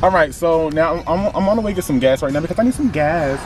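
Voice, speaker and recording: A young man, vlogging casually to his camera from his car, animated and excitable, swearing freely as he talks straight to viewers. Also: a little high, fast talker, over music. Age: young adult. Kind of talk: casual vlog while driving. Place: in a car driving around town. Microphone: handheld compact camera. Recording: camera audio with clear car noise. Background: car and street noise.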